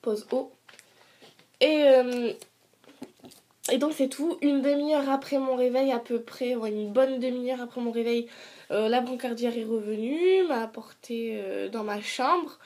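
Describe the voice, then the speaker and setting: A woman's voice: a little high, measured pace, darkish tone. A young woman chatting casually to camera as a vlogger, retelling her story in colloquial language with sarcastic asides and acted-out dialogue.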